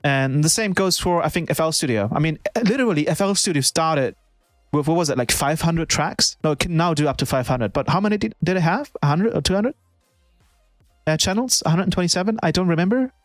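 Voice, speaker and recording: A man's voice: a little high, a little fast, no echo. Man, music producer, casual live-stream chat, rambling, dry mic, faint background music. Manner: rambling, thinks aloud with restarts.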